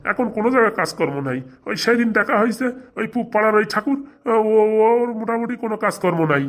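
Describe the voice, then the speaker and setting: A bumbling village priest in a cartoon, voiced by a performer, quick-talking and defensive. He fumbles his chants and grumbles back at his nagging wife. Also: mid-range voice, lively intonation, a bit bright, natural voice. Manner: defensive, stumbling over chants. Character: bumbling poor village priest man, henpecked. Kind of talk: comic cartoon voice acting.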